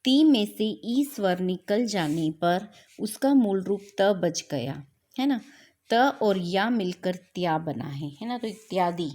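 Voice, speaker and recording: A woman's voice: mid-range voice, animated, takes it slowly, dark tone. A woman teaching grammar in a classroom-style lesson, repeating each point and asking questions she then answers, with English words mixed in. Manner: mixes English words into Hindi.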